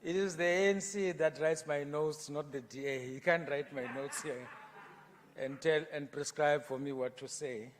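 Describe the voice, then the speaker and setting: A South African man giving an oratorical debate speech in a provincial legislature, building to loud passion. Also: fairly high pitch, steady tone, normal speed. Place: legislative chamber. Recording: long reverb of a legislative chamber.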